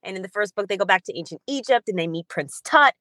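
A young German woman who writes children's books talks eagerly and fluidly while answering podcast interview questions as a guest. Her mid-range voice is quick, pushed and bright, with lively intonation and no echo.

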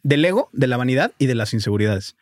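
Mexican man, podcast co-host, opinionated, lively pitch, dry close sound. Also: fast, no room sound. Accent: Mexican Spanish. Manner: opinionated, profane, repeats words. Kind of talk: casual podcast chat.

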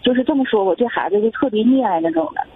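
A woman's voice: a little high, lively intonation, very fast, husky, no echo. A woman, calling in to a radio show and rambling agitatedly, repeating herself. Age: 40s. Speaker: caller. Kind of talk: call-in radio confession. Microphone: telephone. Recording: tinny phone line.

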